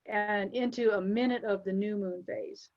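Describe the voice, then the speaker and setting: A woman giving gentle spiritual guidance in a casual chat, soft-spoken and instructive, often trailing off quietly. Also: medium pitch, fairly even intonation, normal speed, highs cut off. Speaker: spiritual channeler.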